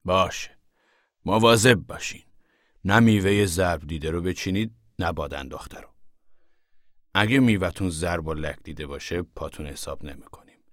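A man's voice: sits low, a bit bright, no echo, studio quality. A man voicing a strict middle-aged fruit inspector who gives curt instructions. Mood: stern.

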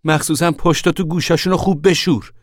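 A deep-voiced male narrator plays a brisk, stern mother in an audiobook, handing out orders without pause. Her tone sits somewhat higher than his own. The sound is dry and intimate. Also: expressive, darkish tone, slightly rough, dry recording. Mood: firm, bossy. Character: brisk, firm mother of a poor family. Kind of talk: audiobook character voice.

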